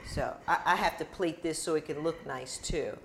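Slow-talking woman hosting a cooking show. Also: sits low, creaky, a little hiss or hum. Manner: chatty, repeats phrases for emphasis. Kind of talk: casual cooking chat. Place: home kitchen. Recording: echoey kitchen with guitar music.

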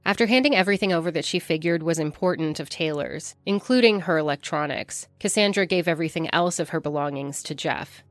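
Low voiced woman doing true crime narration, dry close sound, soft music under it. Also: dry recording. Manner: measured, descriptive storytelling.

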